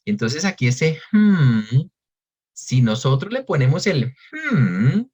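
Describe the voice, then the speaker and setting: A man with a Colombian Spanish accent teaches an online webinar, explaining patiently and rephrasing himself with frequent fillers. His voice sits at an average pitch. He comes through a computer microphone with slightly dull audio. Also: very animated, slow, a little mellow, husky. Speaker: webinar presenter on English exams.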